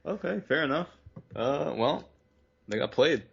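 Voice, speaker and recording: A man's voice: medium pitch, animated, unhurried, gravelly, fairly bright tone, husky. Joking, cursing man on a podcast. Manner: profane, joking banter. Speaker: podcast co-host. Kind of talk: casual chat. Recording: slightly muffled podcast audio.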